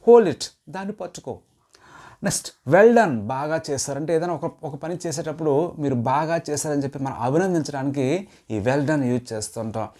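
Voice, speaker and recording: Mellow-voiced male English teacher. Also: a little high. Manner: says each English phrase slowly, then explains it quickly. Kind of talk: spoken English lesson.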